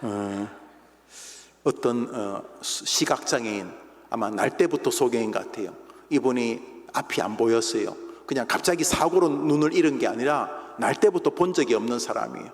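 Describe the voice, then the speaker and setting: A middle-aged pastor preaching a Friday prayer sermon, dramatic, acting out voices and swinging from loud to hushed. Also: male voice, medium pitch, lively intonation, normal speed. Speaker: senior pastor. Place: church sanctuary. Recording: church hall reverb.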